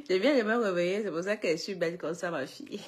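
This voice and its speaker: A woman's voice: on the low side, breathy edge. A woman hosting a casual live stream, greeting viewers one by one, repeating herself and laughing often between lines.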